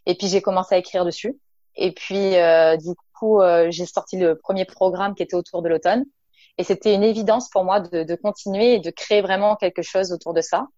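A woman from Nice, naturopath and entrepreneur, speaks on the low side with a dark tone and fairly even intonation, a little fast. Her interview talk is chatty and informal, full of fillers and hesitations aimed familiarly at the listener. The audio has no echo and sounds dull.

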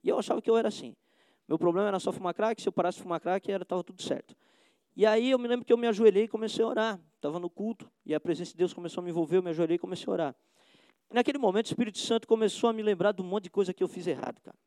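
A man's voice: sits high, rapid-fire, darkish tone, no room sound. A male pastor from Brazil preaching a sermon, impassioned and slangy, dropping "cara" into almost every sentence.

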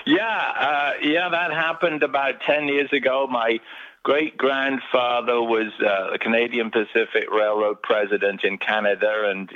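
A man's voice: mid-range voice, steady tone, measured pace. An Englishman from England, calling in over the phone as a radio guest, telling stories in a chatty way with restarts. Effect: heard over the phone. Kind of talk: radio interview. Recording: dull phone-line sound.

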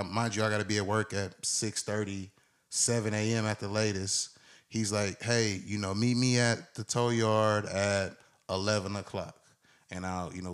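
This twenty-something podcast co-host has a lowish voice. He relates a lengthy story in a relaxed, lively way, playing each of its people.

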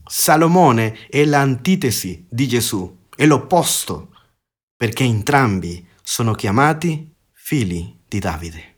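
A man giving a podcast sermon, earnest, asking rhetorical questions and often restarting words mid-phrase. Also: mid-range voice. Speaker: preacher.

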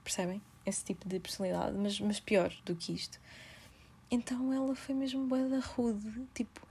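A woman's voice: medium pitch, flat delivery, moderate pace, gravelly, darkish tone, husky. A young woman in her twenties, speaking with a European Portuguese accent and hosting her own podcast. She talks alone in an informal, chatty way, full of slang and English words. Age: 20s. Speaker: podcast host. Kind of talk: casual monologue.

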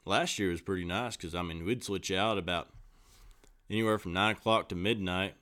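A man chatting on a podcast in a low-key, rambling way, often correcting himself. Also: normal speed, fairly bright tone. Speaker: podcast co-host, cotton farmer. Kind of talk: casual podcast chat. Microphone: studio mic.

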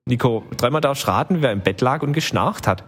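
A man's voice: medium pitch, lively intonation, brisk, a bit bright, breathy edge. A man telling a long travel story in casual chat, rambling with many fillers. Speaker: podcast co-host telling travel stories.

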